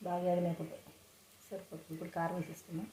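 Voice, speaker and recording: Fast-talking woman cooking over sizzling pan. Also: fairly low pitch, monotone, noisy background. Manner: chatty, explains each step to viewers. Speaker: cooking vlogger. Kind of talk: casual cooking demonstration. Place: home kitchen. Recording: frying sizzle behind the voice. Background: frying and stirring sounds.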